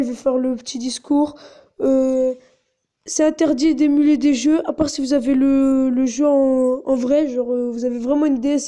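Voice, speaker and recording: A woman's voice: sits high, dark tone. A woman narrating a casual step-by-step tutorial in a chatty way, with many fillers. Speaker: tutorial host.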